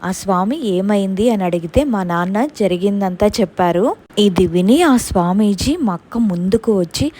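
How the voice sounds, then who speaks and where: A woman's voice: medium pitch, lively intonation, moderate pace, warm tone. A woman narrating a true ghost story from her family, voicing the people in it. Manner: plain retelling, acting out quoted voices.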